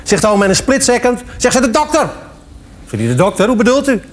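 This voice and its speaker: High-voiced man telling jokes. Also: big pitch swings, quick pace. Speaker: joke teller.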